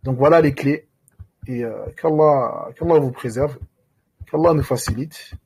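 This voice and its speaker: A man teaching reading in a recorded lesson, patiently walking through each point and slowly stretching out sounds to model how they are said. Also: medium pitch, a little mellow, breathy edge.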